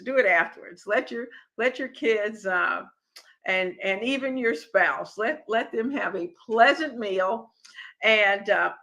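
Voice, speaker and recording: A woman's voice: mid-range voice, pushed and bright, low-quality recording. A middle-aged woman hosting a home cooking live stream, chatting with viewers in a rambling, friendly way with many restarts. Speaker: cooking channel host.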